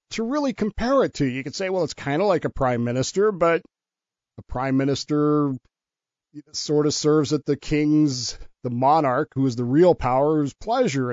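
A man's voice: on the high side, darkish tone, dry recording, highs cut off. A man telling stories and explaining history as a guest on a talk radio show. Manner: storytelling, explanatory.

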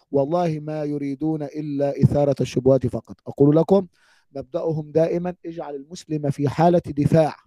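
A man with a slightly high but dark-toned voice teaches an Arabic grammar lesson, speaking emphatically, putting rhetorical questions to the class, addressing them as "my people," and quoting scripture. The audio is poor, with no room sound.

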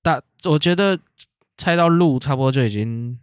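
A man's voice: a little high, normal speed, clean tone, dry recording. Taiwanese guy hosting a chill chat, explaining stuff, dry close audio. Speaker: podcast host running a quiz.

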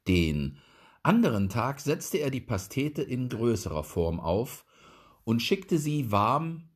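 A man narrating a fairy tale aloud in a slow, expressive storytelling manner. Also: on the low side, husky. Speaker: audiobook reader.

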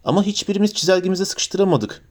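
A man's voice: high-pitched, fast talker, darkish tone, pitched above the performer's own voice, close to an everyday voice. A man voicing timid schoolgirl Hermione. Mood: earnest. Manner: timid and earnest. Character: anxious, earnest schoolgirl witch.

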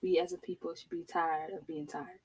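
A woman's voice: on the low side, very animated, a little fast, breathy edge. A woman making spontaneous, conversational interjections in an affirming way. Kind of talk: spontaneous interjections backing another speaker.

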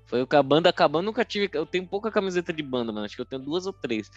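A man's voice: fairly high pitch, expressive, rapid-fire, no room sound, muffled recording. A young adult man with a Brazilian Portuguese accent, chatting effusively and in heavy slang about music on a podcast. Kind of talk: casual music discussion.

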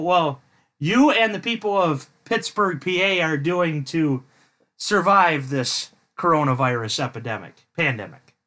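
A man with a high voice hosts a casual podcast, talking in a jokey, rambling way and wandering into tangents. His tone is bright and lively. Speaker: podcast host. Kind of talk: casual chat.

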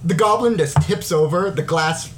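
A man's voice: fairly high pitch, normal speed, slight background noise. A man casually narrating a tabletop game as the game master.

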